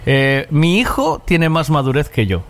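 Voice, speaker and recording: A man's voice: a little high, lively intonation, measured pace. Guy hosting a chatty radio show, always joking around. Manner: jokey, laughs often. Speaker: radio host. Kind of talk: casual radio chat.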